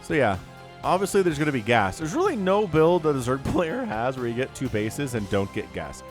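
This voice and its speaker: Soft music runs under a man casting a strategy game at a normal speed, his mid-range voice stuffed up from a cold. As a StarCraft caster and show host, he offers chatty, casual commentary with joking asides, getting worked up when fights happen.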